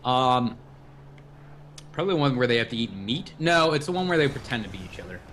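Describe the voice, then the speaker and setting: A male podcast host chatting casually, his voice swinging widely in pitch as he tells a story. He curses freely and drives the conversation with loose, animated energy. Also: fairly quick, slight background noise. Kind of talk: casual chat. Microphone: livestream podcast mic.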